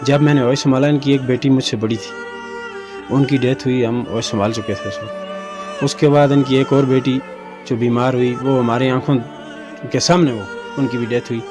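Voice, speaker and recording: Thirties male neighbor, earnest and respectful, mid pitch, soft music bed. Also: fairly even intonation, moderate pace. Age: 30s. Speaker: neighbor interviewee. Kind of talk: interview answers.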